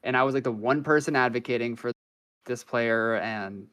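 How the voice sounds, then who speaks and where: A man's voice: medium pitch, normal speed, a bit bright, clean tone. A man guest on a podcast, telling long rambling stories in casual slangy chat, full of fillers.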